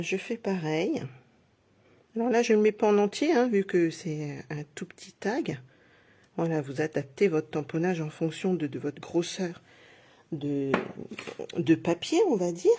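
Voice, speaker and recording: A woman's voice: fairly low pitch, expressive, a little slow, pauses often, warm tone. A middle-aged woman giving a live craft demonstration, chatting through each step and talking straight to her viewers. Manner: chatty, narrates each step while working; addresses viewers directly, self-encouraging.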